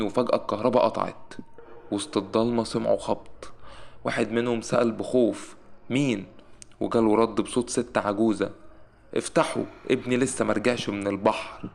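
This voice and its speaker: A man with an Egyptian Arabic accent narrating a scripted horror story in a suspenseful way, with dramatic pauses. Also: on the low side, gravelly, darkish tone, slight background noise.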